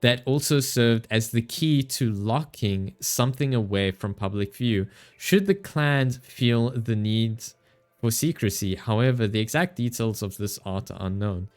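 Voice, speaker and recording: Playful male streamer with a smooth voice. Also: medium pitch, unhurried. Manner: playful and teasing, laughs often, stumbles reading game text aloud. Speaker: VTuber streamer. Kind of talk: casual gaming livestream chat.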